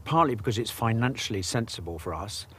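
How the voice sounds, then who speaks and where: A man's voice: on the low side, animated, brisk, fairly bright tone, a little hiss or hum. A male farmer speaking earnestly and steadily in an outdoor interview. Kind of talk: casual interview.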